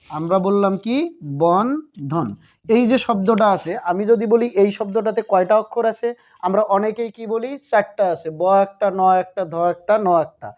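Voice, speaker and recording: High-voiced man teaching, lo-fi sound. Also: darkish tone. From Bangladesh. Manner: asks questions and answers them himself, repeats key points. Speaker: Bangla grammar teacher. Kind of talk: recorded video lesson. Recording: dull lo-fi recording.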